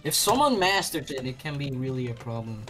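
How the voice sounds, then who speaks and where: A young man bantering over a game as an excitable, hyped gamer bro who swears and repeats his exclamations. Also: mid-range voice, brisk. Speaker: gaming opponent and friend of host. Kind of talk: casual gameplay banter.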